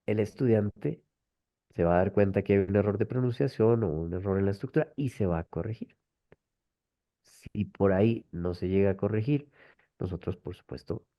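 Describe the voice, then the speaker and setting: This Colombian man hosts an online webinar presenting a language method, and his voice sits on the low side with a creaky texture. Over a video call he explains patiently, tossing in many rhetorical tag questions. The call audio is dull and lo-fi.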